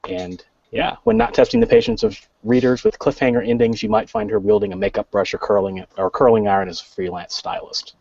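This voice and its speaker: A man's voice: on the low side, lively intonation, a little fast, gravelly, few pauses, darkish tone, no echo, dull audio. A man co-hosting a casual podcast chat who often repeats words as he gets going. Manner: repeats words as he starts, reads a bio aloud. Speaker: podcast co-host.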